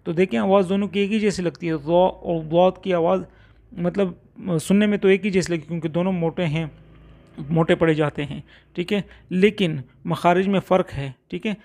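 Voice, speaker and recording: A man, a religious teacher giving a lesson on Quran recitation, explaining steadily and sounding out letters slowly to show how they are said. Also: high-pitched, steady tone, gravelly, a little mellow. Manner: explanatory, repeats letters slowly to demonstrate pronunciation.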